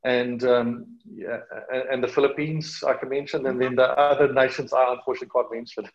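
A man's voice: mid-range voice, flat delivery, a little fast, dull audio. A middle-aged man with a South African accent, a charity guest talking earnestly in an interview, with many fillers and restarts. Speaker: charity partnership manager, guest. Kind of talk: conversational interview.

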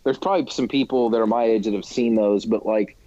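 A man's voice: lowish voice, steady tone, quick pace, mellow, no room sound. Guy in his 30s rambling through podcast chat, restarts a lot, kinda dull dry lo-fi sound. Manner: rambling, many restarts and fillers. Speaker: podcast co-host. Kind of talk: casual chat.

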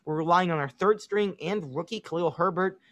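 A man's voice: high voice, fairly quick, fairly bright tone. A man with a Chicago accent co-hosting a casual sports podcast, confidently analyzing teams and making predictions. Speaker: podcast co-host.

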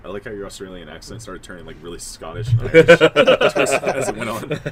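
Lively teasing young man. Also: on the low side, brisk. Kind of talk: casual chat among friends.

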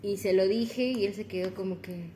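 A woman's voice: medium pitch, normal speed, warm tone, a little hiss or hum. A young woman, telling a personal story on a gossip podcast in a rambling, laughing way. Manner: chatty, laughs often, rambling with restarts. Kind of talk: casual gossip chat.

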